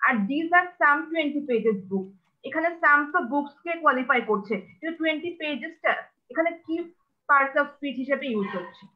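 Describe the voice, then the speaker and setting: A woman's voice: high voice, lively intonation, moderate pace, muffled recording. A woman student asking her teacher grammar questions politely during an online class. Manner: polite, addresses teacher as brother. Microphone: video call.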